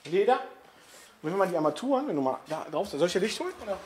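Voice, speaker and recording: Chatty high-voiced man in a garage. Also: big pitch swings, fast, a little mellow. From Italian family background. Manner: chatty, laughs often, frequent "ne?" tag questions. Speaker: car garage vlogger. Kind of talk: casual chat.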